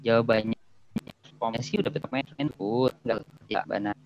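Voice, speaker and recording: A man's voice: medium pitch, muffled recording, slight background noise. A man lecturing in an online class, talking unhurriedly with fillers while his call audio breaks up. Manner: unhurried, thinking aloud with fillers. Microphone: video call.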